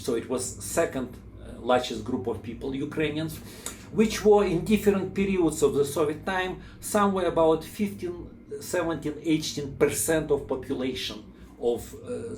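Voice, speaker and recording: A middle-aged channel host whose first language is Russian gives an informal explainer, rambling with lots of "uh"s, fillers, and restarts. His voice is fairly high yet darkish in tone, recorded in an echoey room with a faint background hum.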